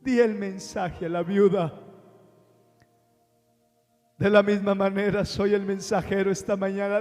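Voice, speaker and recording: A man with a Colombian accent, preaching a sermon with impassioned swings between slow, quiet lines and loud bursts. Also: high-pitched. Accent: Colombian Spanish. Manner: impassioned preaching, dramatic slowdowns, sudden rises in volume. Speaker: pastor. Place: large church sanctuary. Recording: long hall reverb with faint music.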